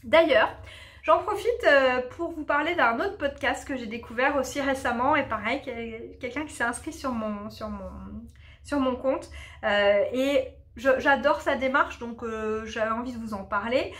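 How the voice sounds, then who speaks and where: A woman's voice: high-pitched, moderate pace, a bit bright. A woman hosting a knitting podcast, who also teaches English, chatting casually with lots of fillers and restarts. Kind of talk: casual chat.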